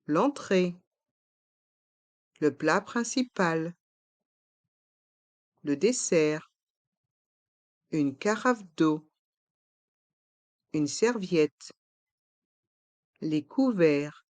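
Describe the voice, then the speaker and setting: A teacher leads a pronunciation lesson, shaping each word with deliberate care and saying it again and again. The delivery is very slow and measured, at a middling pitch. The recording is dry and close, with no room sound. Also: animated, dry recording. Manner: carefully articulated, drills each word several times.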